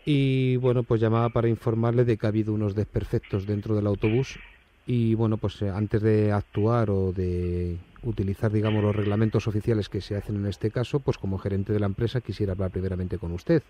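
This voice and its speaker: Playing a bullying, indignant company manager in a prank call, this man from Spain speaks with a Spanish accent in a stiff, formal mood, mixing hesitant formalities with crude, blunt threats. His natural voice is lowered, lowish and warm, steady but a little fast, with a touch of hiss or hum.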